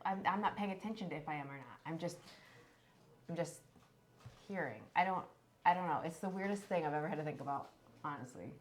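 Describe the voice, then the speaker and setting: Low-voiced woman, hesitant chatter. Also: animated, brisk, long pauses. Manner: hesitant, searching for words, repeats herself. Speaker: co-host. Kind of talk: casual chat.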